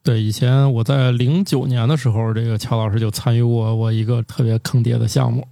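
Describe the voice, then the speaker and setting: A man's voice: mid-range voice, brisk, gravelly, no room sound, studio quality. Joking man co-hosting a science podcast. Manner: relaxed, joking, opinionated. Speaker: podcast co-host. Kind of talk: casual science chat.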